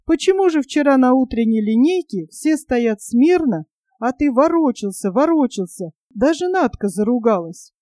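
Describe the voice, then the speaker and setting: A sensible young boy from a storybook, steady and a little condescending, quick to scold, as a woman voices him. The voice is fairly high and mellow, close-miked and dry. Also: no room sound. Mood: reassuring. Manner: reassuring, then scolding.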